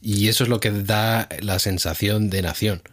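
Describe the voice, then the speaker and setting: A man's voice: fairly low pitch, steady tone, normal speed, slightly rough. A man from Spain co-hosting a casual chat, explaining at length with hesitations and fillers. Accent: Spanish from Spain. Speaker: co-host.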